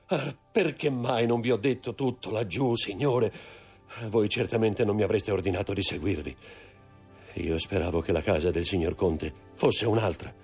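A man's voice: fairly low pitch, moderate pace, darkish tone, slightly rough, faint music behind, voice pushed up. A man voicing a panicked Corsican steward. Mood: anguished. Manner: pleading, panicked outbursts. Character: terrified middle-aged male Corsican steward. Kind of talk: audiobook character voice.

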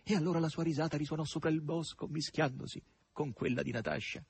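A man's voice: on the high side, fast talker, vocal fry, darkish tone, breathy edge. A man reading a novel aloud with dramatic, lilting narration. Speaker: audiobook reader. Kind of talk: expressive literary narration.

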